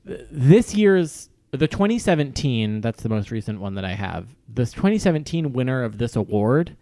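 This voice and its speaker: Excitable jokey man podcaster. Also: medium pitch, moderate pace, no echo. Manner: excitable, jokey, reads facts aloud with amazement. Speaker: podcast co-host. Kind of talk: casual chat.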